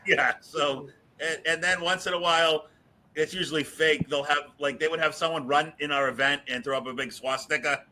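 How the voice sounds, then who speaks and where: A man's voice: on the high side, steady tone, moderate pace, bright, forceful tone, slight background noise, low-quality recording. A man from the Boston area, a guest in an interview, telling his story frankly and chattily and laughing through anecdotes. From Boston area, USA. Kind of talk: casual conversational storytelling.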